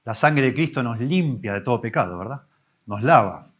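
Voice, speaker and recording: Pastor preaching a sermon. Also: male voice, animated, normal speed. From Argentina. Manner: teaching, with emphatic rises and soft low drops. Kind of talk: expository sermon.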